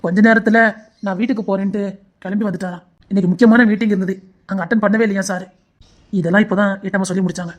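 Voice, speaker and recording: A man playing an eager female police constable in an audio story. She reports to her boss in a rapid, respectful rush. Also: sits high, steady tone, pitched above the performer's own voice. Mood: dutiful.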